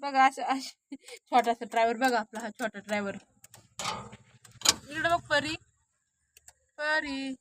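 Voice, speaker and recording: A woman's voice: sits high, unhurried, long pauses. Chatty young mother vlogging outdoors. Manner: chatty, keeps urging viewers to look. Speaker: vlogger filming her daughter. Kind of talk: casual vlog narration to viewers. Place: outdoors in the countryside, partly sitting in a vehicle. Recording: noisy outdoor phone recording. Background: sheep and outdoor sounds.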